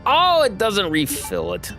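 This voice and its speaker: A man's voice: high-pitched, wildly swooping pitch, a little slow, fairly bright tone. Rambling American man streaming a game. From United States. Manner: rambling, full of fillers and self-corrections; thinks aloud while playing. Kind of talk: casual gameplay livestream chat. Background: game music.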